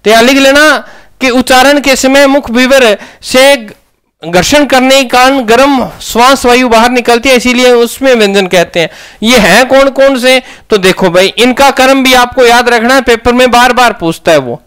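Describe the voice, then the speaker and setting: A man's voice: extremely high pitch, moderate pace, a bit bright, clean tone. A man teaching a grammar lesson, asking questions and answering them himself.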